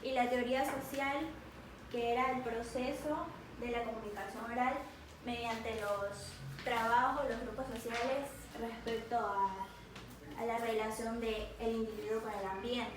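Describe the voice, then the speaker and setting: A woman's voice: fairly high pitch, fairly even intonation. A young woman giving a hesitant class presentation, stopping often to restart her words. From Ecuador. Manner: hesitant, halting with fillers and restarts. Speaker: student presenter. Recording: very echoey room, mic far off, noisy.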